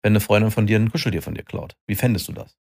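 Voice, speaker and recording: A man's voice: fairly low pitch, racing, gravelly, a little mellow, husky. A man, a father, explaining his view earnestly in a casual podcast chat.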